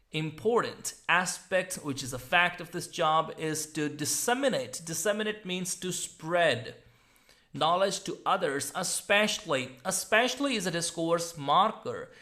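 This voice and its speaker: A man with an Indian English accent talks through a model exam answer at an unhurried pace. His voice sits fairly high, and he explains each word with deliberate repetition. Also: a bit bright. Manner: slow, deliberate, repeats and explains words. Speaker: IELTS teacher.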